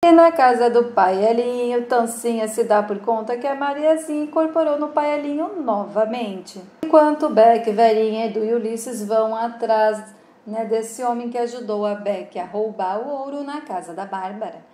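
A woman's voice: on the high side, moderate pace, mellow. A woman narrating a casual, chatty recap of a soap episode, with fillers, in a roomy recording. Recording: roomy echo.

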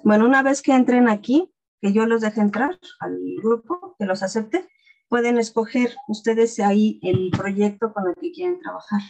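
A woman's voice: on the high side, normal speed, darkish tone. A woman teaching an online class over a video call, patiently explaining each step. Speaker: class instructor.

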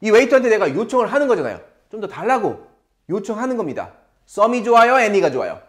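A man with a Korean accent teaching an English lesson, drilling phrases slowly and explaining with animated delivery. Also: high voice.

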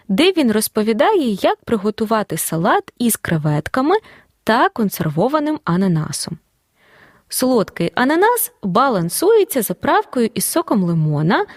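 A woman teacher giving a scripted audio grammar lesson, explaining rules clearly and deliberately. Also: on the high side, a little mellow, no echo, clean studio sound. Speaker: Ukrainian language teacher.

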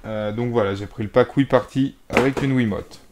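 Speaking at normal speed in a medium-pitched voice, a young man displays his game purchases for the camera in a casual video. He moves around handling boxes, rambling and hesitating with lots of fillers, and a camera mic captures it all.

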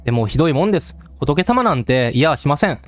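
A man's voice: fairly high pitch, sing-song, fast talker, dry recording. A man voicing a pitiful old female ghost who pleads in humble, old-fashioned speech. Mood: mournful.

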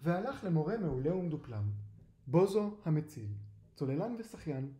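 Animated storyteller in a roomy space. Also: medium pitch. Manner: lively, rhythmic rhyming delivery. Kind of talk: children's book read aloud. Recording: roomy echo.

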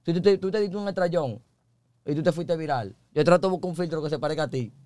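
Young dominican comedian guy talking fast slang, voice a bit high. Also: warm tone. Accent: Dominican Spanish. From Dominican Republic. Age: young adult. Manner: slangy, rapid, acts out voices in his stories. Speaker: comedian guest. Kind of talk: casual interview chat.

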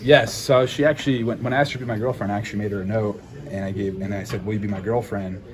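A man's voice: on the low side, fairly even intonation, crowd noise. A young man, a college football punter, answering reporters after a game, upbeat and grateful, recorded on handheld phones in a busy interview area. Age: young adult. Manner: upbeat, grateful, talks quickly. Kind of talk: postgame press interview. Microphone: handheld recorders and phones held close.

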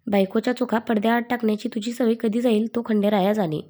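A woman voicing a sharp-tongued, doting old grandmother who scolds and teases in a mellow storytelling voice. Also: a little high, steady tone, fast, close to an everyday voice. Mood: scolding. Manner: teasing, scolding.

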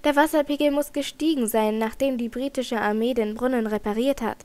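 A woman reading aloud, giving a bright, eager young girl adventurer her lines in a lightly raised voice. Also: on the high side, fairly even intonation, brisk, natural voice. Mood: reasoning. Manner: cheerful, relieved exclamations.

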